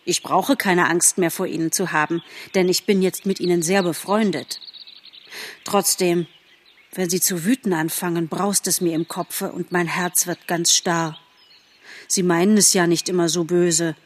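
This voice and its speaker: A woman voicing a boastful, earnest young male deer in a spoken storybook, with a somewhat husky tone. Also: lowish voice, fairly even intonation, a little slow.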